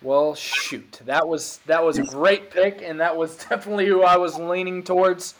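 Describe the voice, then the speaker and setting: Man, high-pitched voice, podcast host, emphatic, excited sports chat. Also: normal speed, noisy background. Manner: hyped, emphatic.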